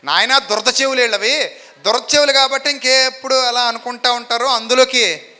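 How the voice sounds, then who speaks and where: A man preaching a sermon with a high, bright, forceful voice that rings through a hall with long reverb. He is lively and keeps throwing questions at his congregation for them to answer. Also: brisk. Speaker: pastor.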